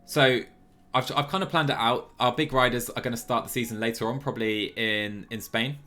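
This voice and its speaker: Playing a cycling management game on a live stream, this man thinks aloud in a casual, somewhat apologetic manner. His mid-range voice is bright and forceful, fairly even in intonation and fairly quick, over background music.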